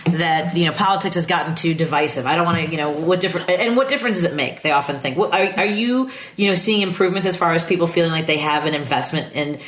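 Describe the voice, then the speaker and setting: A woman's voice: on the low side, quick pace, few pauses. A woman hosting a live radio talk show in a chatty manner, laughing often as she talks with guests. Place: radio studio. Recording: roomy studio echo.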